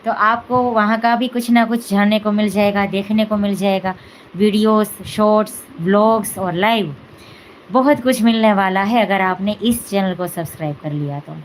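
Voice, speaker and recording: A woman's voice: medium pitch, moderate pace, slight background noise, poor audio. Chatty woman hosting a devotional live stream. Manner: chatty, many fillers and "है ना" asides. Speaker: devotional channel host. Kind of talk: casual live-stream talk.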